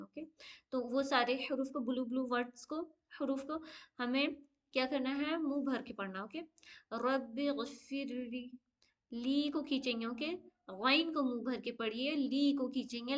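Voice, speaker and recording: A woman with a high voice gives a patient online recitation lesson and walks through each rule step by step. The audio is slightly dull and lo-fi. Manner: patient, explains step by step, often says okay; slow drawn-out chanted Arabic recitation. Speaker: Quran recitation teacher.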